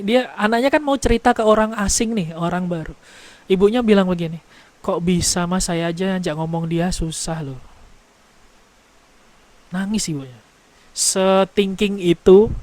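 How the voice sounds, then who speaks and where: A man giving a parenting seminar, telling stories to the audience in an animated way. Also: high voice. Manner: animated storytelling, addresses audience as "Bu". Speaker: parenting trainer.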